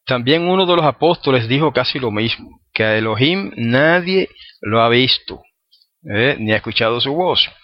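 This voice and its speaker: A man teaching a Bible study, who keeps checking in with his listeners through tag questions and spells out Hebrew words slowly and with care. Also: medium pitch, expressive, dry recording. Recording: dull, dry recording.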